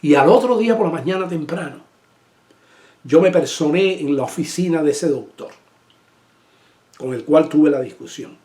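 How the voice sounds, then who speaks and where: Man preaching with a high voice, echoey room. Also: moderate pace, long pauses, mellow. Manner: personal storytelling, emotional, many restarts. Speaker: pastor. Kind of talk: sermon.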